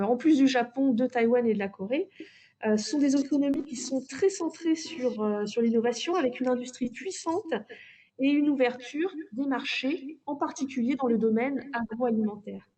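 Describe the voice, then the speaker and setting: A woman presenting in a webinar through a face mask, slightly muffled, with a polite, measured delivery broken by pauses. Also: a little high, warm tone. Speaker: trade office presenter.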